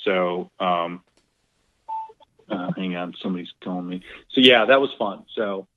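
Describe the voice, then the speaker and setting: Middle-aged guy on a tinny phone-ish line, telling a golf story, animated, cusses a bit. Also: low-pitched, measured pace. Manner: animated, swearing, acts out quoted dialogue. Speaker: guest, golf club owner. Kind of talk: casual storytelling.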